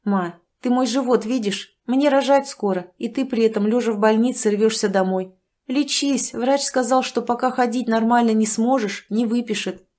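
A woman's voice: on the high side, normal speed, pitched above the performer's own voice, lightly acted. A woman doing an anxious pregnant young daughter. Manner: soft, anxious, then firm.

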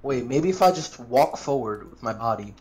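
A man's voice: medium pitch, animated, moderate pace, darkish tone. A man playing along in a game, joking, complaining and protesting his innocence. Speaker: co-player. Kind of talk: casual gaming banter.

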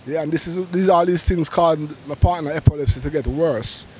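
A man's voice: fairly high pitch, fairly quick, dark tone. A middle-aged man, telling a painful personal story in a street interview, talking urgently and often restarting his phrases. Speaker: interviewee in a street vox pop. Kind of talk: emotional personal testimony. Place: busy city street outdoors. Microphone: handheld interviewer mic held close. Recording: faint street traffic behind. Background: faint traffic and street ambience.

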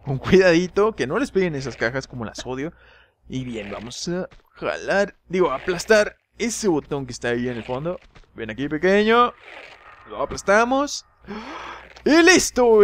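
A high, lively man's voice talking through a video game walkthrough. He swings from relaxed chat to sudden shouts when enemies appear. He jokes about his own slip-ups, and a faint noise sits under his voice. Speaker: gameplay guide host.

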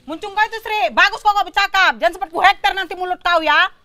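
A man's voice: very high voice, quick pace, crowd noise. A man voicing a hot-tempered, cursing village woman. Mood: irritable. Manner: scolding, cursing, blunt Medan-style speech.

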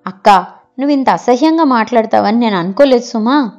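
A woman voicing a level-headed younger sister who argues slowly and directly, pressing her points in a storybook reading. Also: on the high side, a little mellow, muffled recording, soft background music, lightly acted. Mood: firm. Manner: slow and pointed, challenging.

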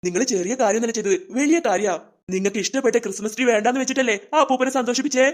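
Brisk, coaxing performer for a family comedy skit, mid-pitched.

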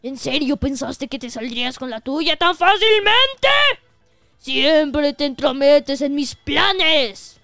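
A woman's voice: sits high, lively intonation, slow pace, sharp tone, no room sound, soft background music, heavily acted. Woman doing a blustering turtle-dragon villain king. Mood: threatening. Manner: blustering, indignant.

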